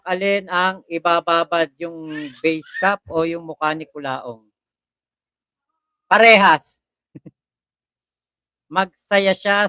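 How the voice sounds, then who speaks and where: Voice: mid-range voice, pushed and bright, clean tone, no room sound. A livestream host casually chatting and reading viewer comments aloud, greeting people by name and laughing often.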